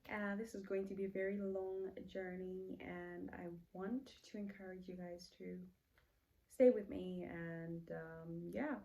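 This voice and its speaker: A woman's voice: fairly low pitch, steady tone, measured pace, creaky, warm tone, poor audio. A woman in her late twenties from Zambia, chatting casually on her vlog in a rambling, self-correcting way with many fillers, while saying she feels hot in the room. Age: late 20s. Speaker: vlogger. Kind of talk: casual get-to-know-me vlog. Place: indoor room.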